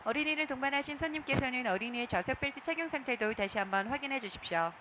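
A woman's voice: high-pitched, animated, quick pace. A woman, a flight attendant reading a formal scripted safety announcement. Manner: formal phrasing. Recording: muffled cabin PA, clear background noise.

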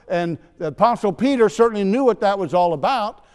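A man's voice: high-pitched, animated, fairly quick, smooth. A man preaching a sermon in a church, talking conversationally with asides and light teasing. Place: church sanctuary. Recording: long church hall reverb.

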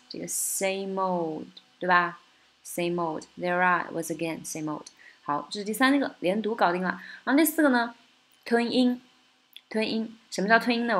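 Woman teaching song lyrics, chatty and quick, then sings lines slow. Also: fairly low pitch, a bit bright. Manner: explains briskly, then sings phrases slowly with rising stress. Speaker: English song tutor. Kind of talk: casual spoken lesson, singing lyric lines slowly.

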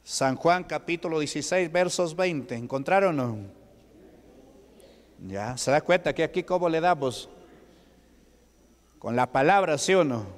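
A man's voice: on the high side, animated, measured pace, pauses often. A male pastor preaching a Pentecostal sermon in a church hall, asking the congregation questions. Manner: asks the congregation rhetorical questions. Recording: echoey church hall with long reverb.

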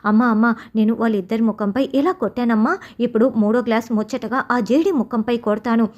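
Woman narrator, fairly high voice, serial recap, voices every character herself. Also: steady tone, fast, darkish tone, dull audio. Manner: reads out every character's lines in her own voice. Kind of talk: retelling a TV serial episode.

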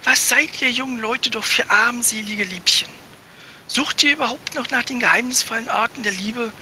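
A man's voice: very high-pitched, sharp tone, a little hiss or hum, voice pushed up, full character voice. A man voicing a cool, commanding mother who runs an orphanage, in a read-aloud fantasy story. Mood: stern. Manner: cool, measured, stern.

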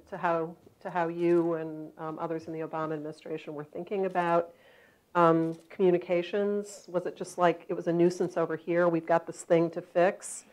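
An older woman interviewing a guest on stage, asking measured questions with many fillers. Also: fairly low pitch, darkish tone, poor audio. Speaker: interviewer, moderator. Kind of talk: onstage conversation. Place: stage at a journalism foundation event, seated in armchair.

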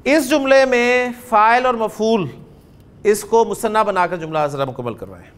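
A man's voice: high voice, moderate pace, fairly bright tone, smooth. A man with a Pakistani accent teaching Arabic grammar in a classroom lecture, quizzing his students and dictating phrase by phrase.

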